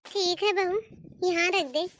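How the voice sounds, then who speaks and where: A woman's voice: extremely high pitch, fairly even intonation, a little slow, fairly bright tone. A woman voicing a stern but fair mother-in-law in a cartoon, scolding and giving orders. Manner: scolding, commanding, calls daughters-in-law "bahu". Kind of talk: cartoon voice acting.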